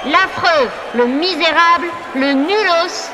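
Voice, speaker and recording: Theatrical very high-voiced fight announcer. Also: female voice, slow pace. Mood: grandiose. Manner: grand, theatrical. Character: girl playing a showy fight announcer. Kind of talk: mock ring announcing in audio drama. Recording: loud cheering crowd and noise behind.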